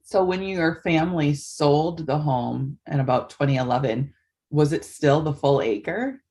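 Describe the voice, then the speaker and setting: A woman's voice: deep voice, unhurried, mellow. An American woman conducting an oral history interview, politely asking questions and listening attentively.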